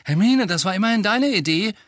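A blunt teenage boy, loud and sarcastic, quick to take offence, as a man reads him a touch higher. His voice is husky and recorded dry, like a storybook. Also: sing-song, no room sound, full character voice. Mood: sarcastic, indignant.

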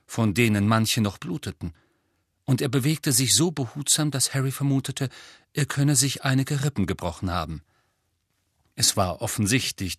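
A man reading a novel aloud as an audiobook narrator, with expressive, measured storytelling. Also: lowish voice, no echo, studio quality.

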